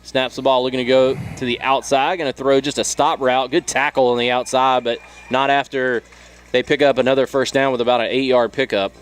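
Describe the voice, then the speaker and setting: A man with a Southern US accent calling play-by-play for a high school football game in a steady, measured way. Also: a little hiss or hum. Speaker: play-by-play announcer.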